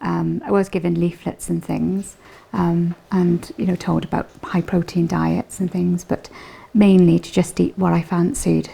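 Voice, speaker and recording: Woman, 40s, warm gravelly voice, chatty patient, hesitant. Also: on the low side, level tone, measured pace. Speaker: patient sharing her experience. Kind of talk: casual chat.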